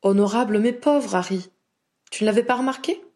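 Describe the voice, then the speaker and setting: A woman's voice: mid-range voice, brisk, darkish tone, voice pushed up, natural voice. A woman voicing a proud, anxious young witch who talks in an earnest, pleading way.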